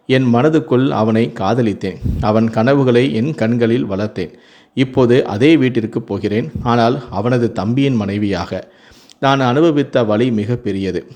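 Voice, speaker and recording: A man's voice: medium pitch, a little mellow. Man narrating a storybook tale.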